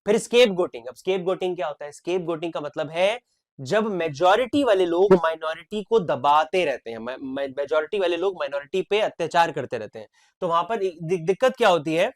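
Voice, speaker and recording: A young man from India who teaches an online exam-prep lecture, talking with lively emphasis and mixing in English. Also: a little high, brisk. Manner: animated, emphatic, switches between Hindi and English.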